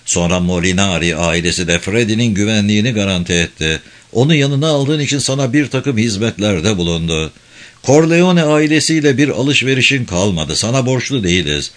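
A man reading the lines of a cold, calm young mafia boss in a measured way. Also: on the low side. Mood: calm, firm.

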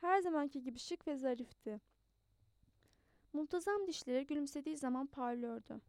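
Woman narrator for a spy novel audiobook: high voice, dry close sound, measured pace. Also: no echo. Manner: steady, measured storytelling with occasional small restarts.

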